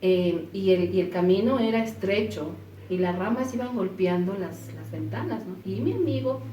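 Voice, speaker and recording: A woman recounts a story in a relaxed, spoken way, throwing her voice up high whenever she quotes someone. Her voice sits at a middle pitch and comes from some distance off the mic. The room is echoey and a faint hiss runs underneath. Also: moderate pace. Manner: animated, acts out quoted voices with pitch jumps. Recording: roomy echo, voice from a distance, faint noise.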